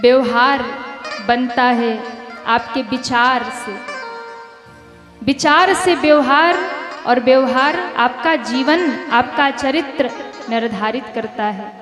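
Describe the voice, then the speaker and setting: A woman's voice: high voice, slow pace. A woman preacher giving a devotional storytelling sermon. She speaks conversationally, talks straight to her audience, and chides them lightly. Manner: conversational, addresses the audience directly, lightly chiding. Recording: echoey hall with music behind.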